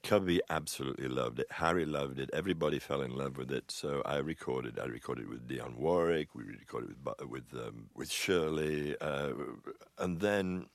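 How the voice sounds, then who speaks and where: A man who composes film music, recalling stories in an interview, halting and full of restarts and chuckles. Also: extremely low pitch, gravelly, dry recording. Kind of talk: anecdotal interview chat.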